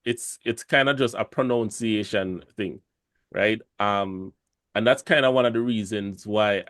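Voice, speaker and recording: Jamaican man in relaxed podcast chat. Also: on the low side, a little slow, dry recording, studio quality. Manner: rambling, many fillers and restarts. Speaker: podcast host. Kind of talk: casual podcast discussion.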